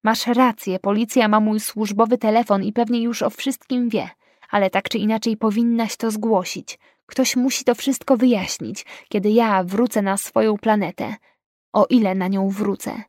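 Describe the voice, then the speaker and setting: A woman voicing a desperate young man who sends quiet apologetic messages, in an audiobook. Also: mid-range voice, steady tone, normal speed, no echo, close to an everyday voice. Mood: subdued.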